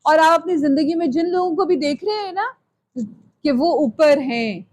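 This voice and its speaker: Female lecturer with a high voice, chatty and conversational, checks in with "okay?" often. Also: animated, unhurried, a little mellow. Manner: conversational teaching, mixes English phrases, asks "ठीक है?". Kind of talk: live Islamic lecture to young women. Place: lecture hall.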